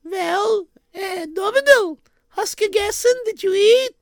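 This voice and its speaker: A man voicing a caring, fussing mother in a high sing-song voice. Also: slow, dry recording, studio quality, exaggerated voice. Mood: tender. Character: fussing caring mother, middle-aged woman.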